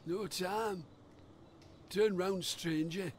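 A man's voice: high-pitched, very slow, slight background noise, pitched above the performer's own voice. A man voicing a weary, emaciated old fisherman captive who speaks in a rustic, old-fashioned dialect. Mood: grim.

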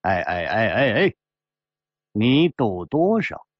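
A man voicing a brash, devil-may-care young male swordsman who gambles and laughs loudly, as a storyteller acting out dialogue. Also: fairly low pitch, sing-song, slow, dry recording, dull audio, pitched below the performer's own voice, exaggerated voice. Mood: cocky, reckless.

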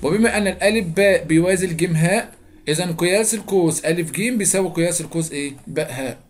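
Fast-talking Egyptian male math teacher. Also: sits high, slight background noise. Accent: Egyptian Arabic. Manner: quick, chatty, repeats steps and quizzes students. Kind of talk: geometry lesson explanation.

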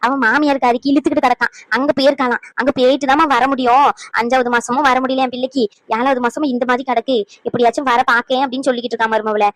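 A woman voicing a sharp-tongued elderly grandmother in a cartoon, nagging and lecturing. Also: high voice, fairly even intonation, very fast, no echo, lightly acted, low-quality recording. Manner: nagging, lecturing, old sayings. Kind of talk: cartoon voice acting.

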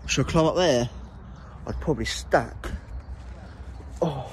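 A young man with a British English accent, vlogging outdoors in the woods on a handheld phone, loud, laddish and jokey. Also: medium pitch, a little slow, slight background noise. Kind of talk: casual vlog chat.

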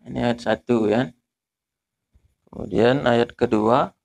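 A man teaching correct pronunciation of Quran verses, slowly drawing out and repeating letter sounds as he demonstrates. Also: medium pitch, steady tone, vocal fry.

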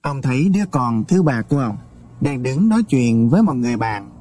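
A man's voice: medium pitch, sing-song, fairly quick, dark tone. Man narrating a Buddhist story.

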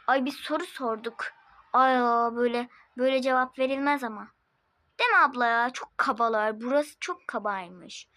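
High, bright-voiced woman playing with toys. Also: moderate pace. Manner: chatty, voicing several characters in turn. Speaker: toy role-play host. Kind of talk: playful toy role-play.

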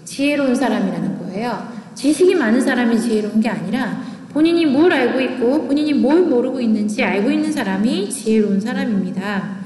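A woman teaching English pronunciation in an online lecture, chatty and lively, often asking questions and answering them herself. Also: a little high. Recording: echoey room with long reverb.

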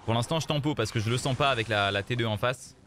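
A man's voice: mid-range voice, fast, a little hiss or hum. A man giving casual, joking live commentary on his card game matches and talking straight to his viewers. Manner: animated, joking, repeats himself, addresses viewers as "les gars". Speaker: streamer playing a mobile card game. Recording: game music playing faintly behind.

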